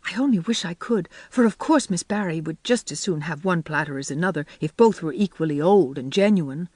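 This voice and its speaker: A reader putting on a dreamy, imaginative young woman who gushes eagerly, her voice lifting higher than the narration. The recording is dry and close. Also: a little fast, darkish tone, no echo, lightly acted. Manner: wistful and gushing, rising in pitch. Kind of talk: audiobook character voice.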